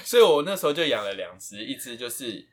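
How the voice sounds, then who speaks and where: A man's voice: medium pitch, big pitch swings, quick pace, crowd noise. A young man co-hosting a casual podcast, telling funny pet stories with lots of laughter and imitated bird chirps and squawks. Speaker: podcast co-host. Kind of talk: casual chat.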